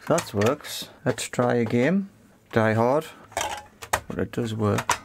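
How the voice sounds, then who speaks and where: The host of an electronics repair video, a man with a slow, creaky mid-range voice, gives casual, unscripted commentary on a hands-on repair. He thinks aloud in short phrases, with background noise audible.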